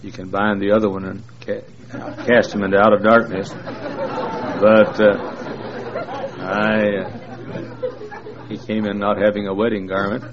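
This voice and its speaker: Taking it slowly with long pauses, a sixty-something guest preacher in a large church trades folksy jokes with the congregation, his speech heavy with fillers. His fairly low voice holds a steady tone, and a crowd can be heard behind him in the dull, faintly noisy lo-fi recording.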